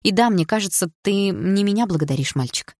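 A woman voicing a proud, sharp-tongued schoolgirl in an audiobook, blunt and indignant. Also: mid-range voice, animated, brisk, no echo, clean studio sound, voice pushed up.

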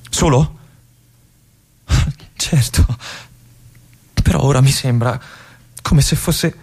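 An actor performing a stage monologue as a restless young army lieutenant stuck in a remote fortress. His husky voice often drops to a whisper. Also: mid-range voice, exaggerated voice. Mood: brooding, restless. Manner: introspective, swings between hushed musing and agitated outbursts. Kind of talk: theatrical monologue broadcast on radio.

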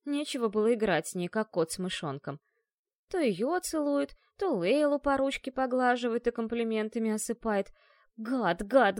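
A woman narrating a fantasy audiobook in an animated storytelling manner. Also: a little high, no room sound, studio quality. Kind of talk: expressive fantasy audiobook reading.

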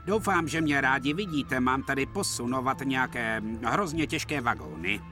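A man voicing a gruff, bullying male diesel engine who talks in a snappish, sneering way, in a cartoon dub with music behind. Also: medium pitch, lively intonation, natural voice.

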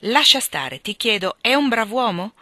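A woman's voice: on the high side, very animated, normal speed, pushed and bright, dry recording, pitched above the performer's own voice, full character voice. Woman reading as a stern older aunt. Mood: probing. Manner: probing, reproachful questioning.

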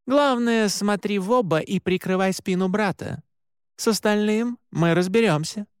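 A commanding woman hunter leader barks short, clipped orders in a raised, higher voice, as a male narrator puts her on. She is firm and unhesitating. The voice sits close and dry, with no room sound. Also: moderate pace, clear, resonant tone, no room sound, close to an everyday voice. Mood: encouraging.

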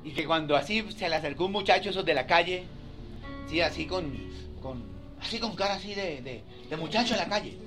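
A man preaching a sermon as pastor. He rises to loud, emphatic scripture reading, then drops into soft, chatty storytelling with his listeners. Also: fairly high pitch, expressive, brisk, music in the background.

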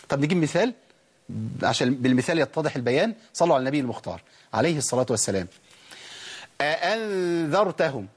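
A man's voice: fairly high pitch, slightly rough. A man with an Egyptian accent teaching Quran recitation in a colloquial lesson. He keeps asking rhetorical questions and stretches syllables to sing out his examples. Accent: Egyptian Arabic.

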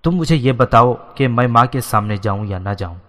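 A man's voice: medium pitch, expressive, close to an everyday voice. A man voicing a young sultan who is weak and seeks advice uncertainly, in a storybook reading. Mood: unsure. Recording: long hall reverb.

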